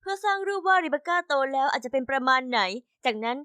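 A woman reading a first-person animated life story in an even, steady way. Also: high voice, quick pace, dry recording, clean studio sound. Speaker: narrator voicing all characters. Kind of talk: scripted storybook narration.

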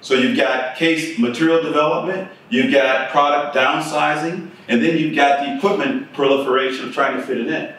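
Putting questions to his audience, a middle-aged man delivers a conversational conference keynote in a room with a projector screen. His slightly high, fairly bright voice is steady and moderately paced with hardly any pauses, captured from afar in an echoey space.

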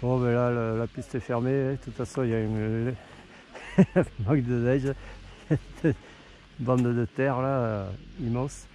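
A man's voice: medium pitch, steady tone, unhurried, long pauses, dark tone. A man skiing outdoors and muttering casual remarks to himself as he films his run on an action camera. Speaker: skier filming his run. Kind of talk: casual running commentary. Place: outdoors on a ski slope. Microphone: action camera worn on the body. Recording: wind noise on an action camera.

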